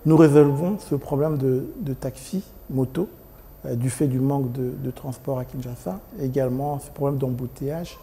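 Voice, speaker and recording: A man's voice: medium pitch, steady tone, normal speed, dark tone, a little hiss or hum. A man in his forties from Congo, a company director answering interview questions hesitantly, with many ums and restarts. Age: 40s.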